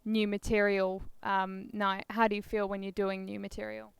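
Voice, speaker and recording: A woman hosting an interview, asking polite questions with soft fillers. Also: mid-range voice, level tone, normal speed, creaky, clear, resonant tone, no echo. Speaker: interviewer host.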